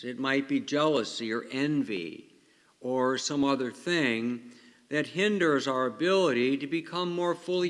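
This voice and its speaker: A man speaking as a priest at a church service, reflective and measured, with cathedral echo around his voice. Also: on the high side, a bit bright. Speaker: priest giving the Gospel and homily. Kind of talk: liturgical reading and homily. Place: large reverberant church. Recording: cathedral echo, long reverberant church hall.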